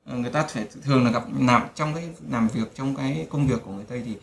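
A man's voice: mid-range voice, very fast, gravelly, a little hiss or hum. A man teaching a spoken language lesson, repeating phrases and reminding listeners to remember them. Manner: repetitive, drills phrases and keeps telling listeners to remember. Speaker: English teacher. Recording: roomy echo.

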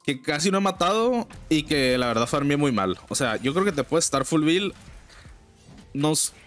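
A young man with a Mexican accent gives casual, slang-filled commentary over his own gameplay, breaking into sudden high exclamations and griping about teammates. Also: big pitch swings, moderate pace, a bit bright, faint music behind. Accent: Mexican Spanish. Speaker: gaming streamer.

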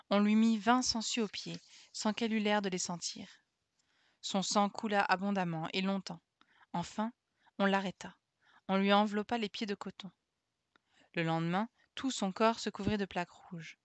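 A woman streamer reading a classic children's novel aloud in a calm, steady storytelling manner. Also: mid-range voice, no room sound.

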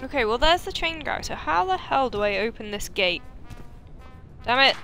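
A woman giving casual live gameplay commentary, chatty and excitable, thinking aloud as she plays. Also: sits high, fairly quick, vocal fry. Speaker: game streamer. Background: loud game music.

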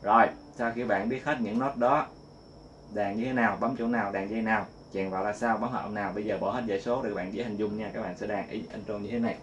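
A man giving a casual guitar lesson, singing note names slowly between quick explanations. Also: fairly low pitch, steady tone, slight background noise. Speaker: guitar teacher. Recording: loud guitar playing along.

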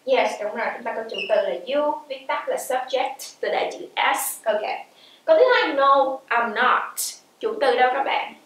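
A woman teaching an English grammar lesson in a lively way, asking the class questions and answering them herself, and reading her English examples out slowly and clearly. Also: sits high, a little hiss or hum. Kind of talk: explaining grammar in a video lesson. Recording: very echoey room, voice from a distance.

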